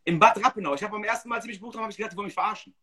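Blunt, slangy man, high bright voice. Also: racing, breathy edge. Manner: blunt, emphatic, slangy, animated. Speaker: DJ and podcast host. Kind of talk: casual livestream podcast chat.

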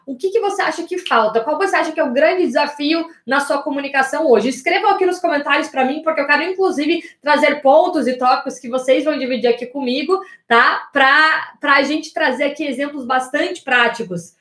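A Brazilian woman mentor giving an energetic online class, talking straight to her viewers and asking them rhetorical questions. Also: sits high, a little fast, hardly any pauses, reverberant. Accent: Brazilian Portuguese. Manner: energetic, addresses audience as "gente", asks rhetorical questions. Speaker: business and communication mentor.

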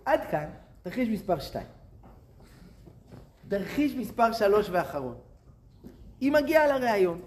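A man's voice: high-pitched, very animated, pauses often, a little mellow. A man giving a storytelling talk to young people, speaking animatedly and addressing them directly. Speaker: speaker to youth. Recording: roomy with faint noise.

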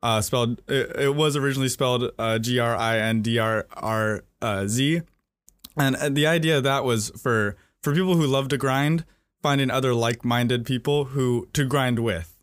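A man co-hosting a casual podcast, rambling and excitable, with a lot of fillers. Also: medium pitch, moderate pace, no echo. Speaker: podcast co-host.

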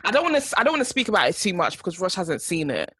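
Young woman, husky, animated casual chat, dry close sound. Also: on the low side, racing, dry recording. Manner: animated, fillers like "do you know what I mean". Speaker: podcast co-host.

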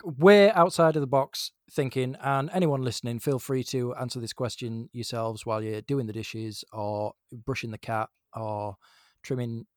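A man's voice: medium pitch, moderate pace, few pauses, no echo, studio quality. A man co-hosting a podcast, joking and rambling through casual banter. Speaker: podcast co-host. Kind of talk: casual chat.

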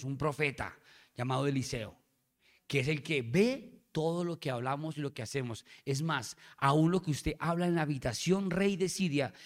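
A man voicing an anxious male officer of a foreign king, explaining earnestly in a quiet, low voice. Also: lightly acted.

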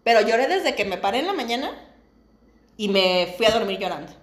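A woman's voice: on the high side, fairly quick, reverberant. A woman in her thirties with a Mexican accent, co-hosting a casual chat podcast and telling personal stories openly, with frequent laughter. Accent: Mexican Spanish. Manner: candid, laughs often, animated storytelling. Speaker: podcast co-host.

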